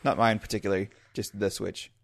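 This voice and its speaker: A man's voice: on the low side, fairly even intonation, a little fast, creaky. A man co-hosting a podcast, trading playful, teasing banter in casual chat. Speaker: podcast co-host.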